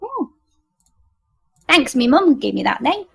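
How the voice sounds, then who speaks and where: A woman's voice: sits high, sing-song, slow pace, vocal fry, pitched above the performer's own voice, full character voice. Woman putting on a chirpy Aussie girl. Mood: friendly. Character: small hungry young woman, polite and flustered.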